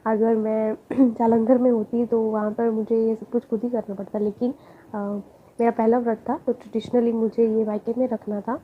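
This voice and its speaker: A hoarse young woman with a sore throat, chatting casually in a home vlog and often clearing her throat. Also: on the high side. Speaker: beauty vlogger. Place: drawing room at her mother's home. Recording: tinny phone-like sound, faint noise.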